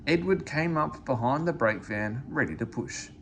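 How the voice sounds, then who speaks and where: A man reading a children's story aloud in an expressive, animated way. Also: mid-range voice, moderate pace, vocal fry, a little hiss or hum. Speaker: storybook reader.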